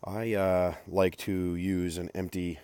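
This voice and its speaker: A man's voice: deep voice, little pitch movement, slow, dark tone, clear, resonant tone, no echo. A man casually narrating a do-it-yourself car repair in a garage, folksy and opinionated, with lots of fillers. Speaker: DIY car maintenance vlogger. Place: garage, working on a truck.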